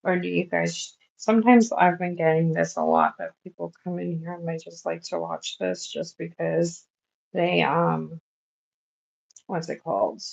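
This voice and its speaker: Woman, nail livestreamer, gravelly fry, dull lo-fi stream audio, rambling casual chat. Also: on the low side, fairly even intonation, unhurried, darkish tone. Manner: rambling, easygoing, lots of likes and ums.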